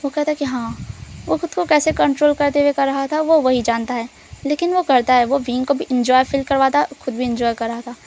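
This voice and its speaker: A woman's voice: high-pitched, fairly even intonation, fairly quick, darkish tone, slight background noise. A woman casually retelling a story in a chatty way, mixing in English words.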